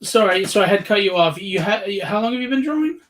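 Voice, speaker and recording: A man's voice: sits high, expressive, quick pace, fairly bright tone, poor audio. A man in his late forties hosting a casual interview chat, chatty and joking. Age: 40s. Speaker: podcast host.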